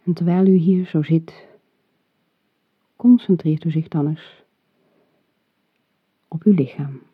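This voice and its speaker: A relaxation guide leading a meditation in a calm, soothing, soft and breathy voice, giving measured instructions. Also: mid-range voice. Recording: muffled phone-like audio, roomy echo.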